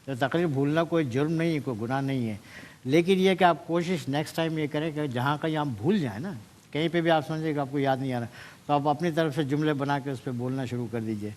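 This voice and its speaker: A senior judge, a man with a slightly high, slightly mellow voice, gives feedback to students in a TV studio. He reflectively explains the meanings of words and slips into English phrases.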